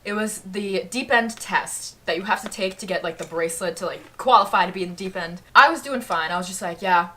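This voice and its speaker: A woman's voice: medium pitch, a little fast, few pauses, bright, forceful tone, a little hiss or hum. A young woman hosting a casual chat with her sister, telling a shared childhood story in a teasing, chatty way with lots of "like". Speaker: vlogger, channel host.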